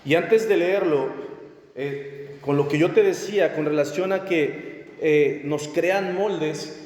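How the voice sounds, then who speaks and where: A man preaching a sermon, animated and often asking the audience questions. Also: on the high side, takes it slowly. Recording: echoey church hall.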